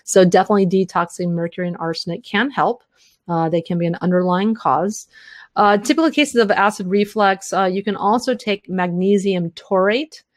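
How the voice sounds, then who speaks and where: A tired woman with a medium-pitched voice, recorded dry, hosts a live health webinar and is losing her voice. She answers listener questions at length, talking fast in long run-on replies packed with fillers.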